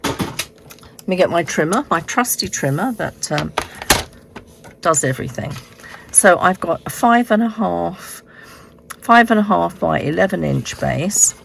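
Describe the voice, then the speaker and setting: Female tutorial host, hoarse and froggy after being ill, low register, casual unhurried delivery, faint room noise behind. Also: lively intonation. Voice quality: hoarse, croaky like a frog. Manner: unhurried, explaining step by step. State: croaky voice, recovering from illness. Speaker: host of a card-making tutorial. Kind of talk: casual craft demonstration. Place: indoors at a craft desk.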